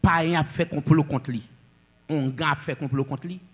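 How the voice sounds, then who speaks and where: A man preaching a sermon, swinging between loud declamations and low asides. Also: steady tone, normal speed, husky, long reverb tail.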